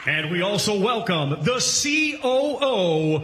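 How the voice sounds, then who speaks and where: A man working as a ring announcer, hosting a boxing event with formal introductions and booming, drawn-out names. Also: sing-song, crowd noise, background noise.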